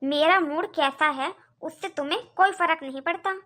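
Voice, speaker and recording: A woman's voice: sits high, moderate pace, fairly bright tone. A woman voicing a quarrelsome young wife in a cartoon, complaining and arguing. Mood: angry. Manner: complaining, argumentative. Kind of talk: cartoon voice acting.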